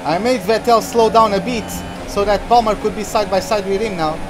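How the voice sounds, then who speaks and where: A man's voice: sits high, fairly quick. A man giving casual live commentary as they play a racing video game. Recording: loud engine noise behind voice. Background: racing game car engines.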